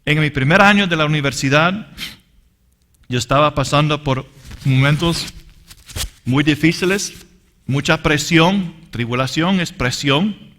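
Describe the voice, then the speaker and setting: A man's voice: on the high side, fairly bright tone. A man teaching a sermon with personal testimony, earnest and emphatic, addressing the listeners as brothers. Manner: deliberate and emphatic. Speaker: Bible teacher.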